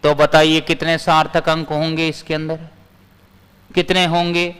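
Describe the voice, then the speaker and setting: A man's voice: on the high side, level tone, measured pace, fairly bright tone, smooth, in a large hall. A male physics teacher giving a live online class, repeating his points and answering viewers' comments as he goes.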